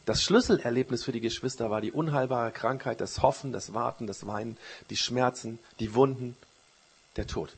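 A man preaching a sermon, retelling a Bible story with a storyteller's rise and fall and dropping low for quoted words. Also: moderate pace, breathy edge.

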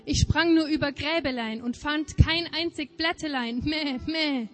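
A woman's voice: high voice, normal speed, faint music behind, lightly acted. A woman voicing a deceitful nanny goat in a storybook, bleating sing-song rhymes. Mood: complaining.

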